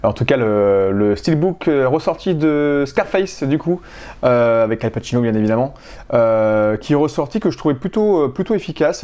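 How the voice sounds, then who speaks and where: A Frenchman talks through the films he's bought in a relaxed collector's vlog, often stumbling, restarting, and leaning on fillers. He has a mid-range voice with a darkish tone.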